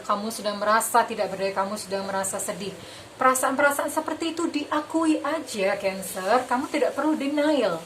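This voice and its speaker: Gentle reassuring woman reading tarot. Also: mid-range voice, slight background noise, rough recording. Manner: gentle, reassuring, repeats phrases, mixes in English. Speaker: tarot reader. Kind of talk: tarot reading monologue to camera.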